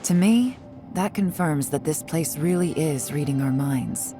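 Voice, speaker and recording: A cool, shrewd female investigator in a video game. Her voice is low and measured, with a composed, knowing manner, and faint music sits beneath it. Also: expressive. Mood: composed, analytical. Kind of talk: English game dub voice acting.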